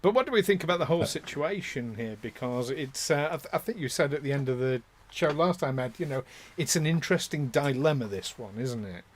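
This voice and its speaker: Chatty host. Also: male voice, medium pitch, lively intonation, a little fast. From northern England. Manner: chatty, laughs often, jokey asides. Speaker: game master and show host. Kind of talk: casual chat before a tabletop game.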